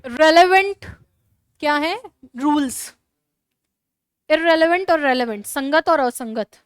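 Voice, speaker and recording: A woman teacher with a Rajasthani Hindi accent, giving a classroom lecture in a brisk, scolding way and urging students to write fast. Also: sits high, no room sound.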